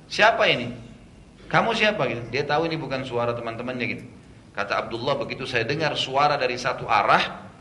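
A male preacher with a bright, forceful voice tells a religious story as a lecture. He acts out the characters' lines and slips in casual conversational asides. The sound is roomy and echoey, with a faint rumble underneath. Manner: animated retelling, acting out the characters' lines. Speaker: Islamic preacher.

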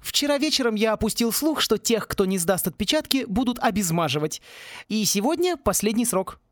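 A man voicing a cunning, cheeky schoolboy schemer who talks in a brisk, pushy way with a raised voice. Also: high-pitched, lively intonation, dry recording, clean studio sound, voice pushed up.

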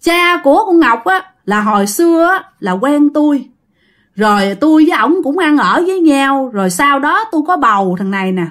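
A woman's voice: high voice, expressive, moderate pace, a bit bright. A woman voicing a desperate, weeping mother haunted by a ghost, pleading for help. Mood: anguished.

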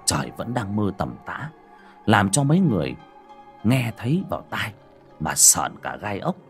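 Expressive male horror storyteller. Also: fairly low pitch, normal speed, faint music behind. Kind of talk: horror audiobook narration.

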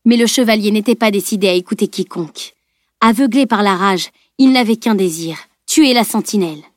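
A woman reading a fantasy novel aloud as an audiobook narrator, steady and expressive. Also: mid-range voice, brisk, no echo, studio quality.

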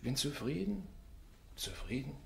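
Radio drama, smug pedantic husband, gravelly. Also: male voice, mid-range voice, big pitch swings, a little slow, crowd noise, full character voice. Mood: contented. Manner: pedantic, contented. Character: complacent schoolmaster husband, self-satisfied. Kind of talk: 1960s radio drama acting.

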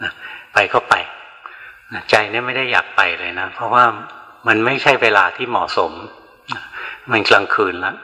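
A man's voice: lowish voice, pushed and bright, big-room sound, rough recording. An older male Buddhist monk giving a dharma talk, telling stories plainly and answering questions from the audience. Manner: plain storytelling, frequent "na" tag.

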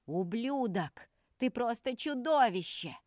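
Woman doing a raging, tearful young male vampire for an audiobook; pitch pushed up, dry close read. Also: moderate pace, no room sound, natural voice. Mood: angry pleading. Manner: shouting, pleading outbursts.

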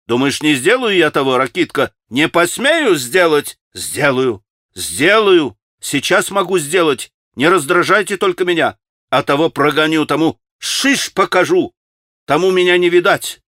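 A man's voice: steady tone, brisk, hardly any pauses, fairly bright tone, smooth, no room sound, studio quality, close to an everyday voice. A man voicing a passionate, hysterical young woman who sobs and cries out, in an audiobook. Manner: wailing, shrill bursts.

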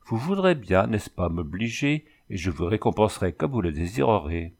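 A man's voice: fairly low pitch, sing-song, normal speed, a little mellow. A man voicing a boisterous, flirtatious former cavalry soldier who talks in boastful, rattling exclamations.

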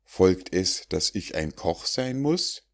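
A man's voice: deep voice, animated, takes it slowly, full character voice. A man doing a haughty, scolding lord. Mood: imperious. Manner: imperious, scolding. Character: haughty quick-tempered nobleman, master of the house. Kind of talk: storybook fable reading.

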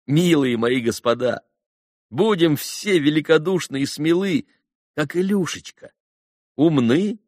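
A man's voice: medium pitch, a little mellow, no echo, studio quality. A man reading aloud as an earnest young man making a heartfelt speech to a group of boys in an audiobook.

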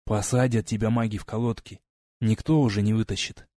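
A man's voice: fairly even intonation, brisk, dark tone, dry recording, clean studio sound, natural voice. Weary soldier, glum and subdued; male narrator reads him. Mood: gloomy. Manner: glum, low.

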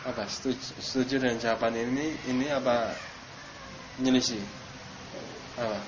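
A man's voice: medium pitch, little pitch movement, moderate pace. A man teaching Arabic grammar to a class, quizzing students by name and stressing drill words. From Indonesia. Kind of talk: classroom lesson. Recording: dull noisy classroom recording.

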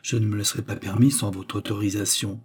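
A man voicing a shy, awkward young country nobleman who speaks hesitantly and softly. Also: fairly low pitch, flat delivery, fast, husky. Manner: hesitant, soft, self-deprecating.

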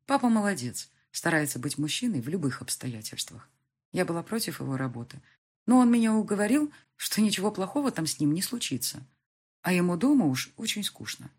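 Breathy female narrator for a reflective first-person audiobook. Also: on the low side, big pitch swings, brisk, darkish tone. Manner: intimate, reflective storytelling.

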